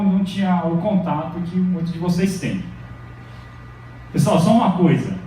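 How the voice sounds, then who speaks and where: In a big, echoey lecture hall, a middle-aged Brazilian professor gives a relaxed university lecture, chatting and checking in with his audience often. His voice is a little high and warm. The recording picks him up from far away, with heavy echo and slight background noise.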